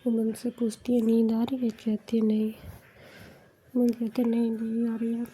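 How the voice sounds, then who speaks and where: A woman narrating a romantic story in a soft, whispered role-play, voicing every character herself. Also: a little high, monotone, normal speed, slightly rough, low-quality recording.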